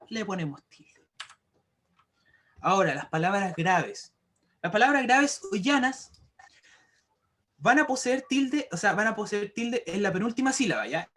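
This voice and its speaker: A man's voice: sits high, fairly bright tone. A male teacher explaining grammar rules to an online class, patient and repetitive, often checking if students follow. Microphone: computer mic for an online class.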